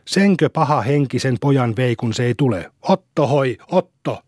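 Brief: man reading as a fretful farm wife, husky, calling and fussing. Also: medium pitch, darkish tone, no echo, clean studio sound, natural voice. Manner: fretting, exasperated calls. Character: fussy anxious farm wife, middle-aged.

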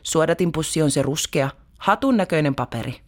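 A woman reading a storybook, voicing a busy working mother who gives calm, patient, practical instructions. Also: low-pitched.

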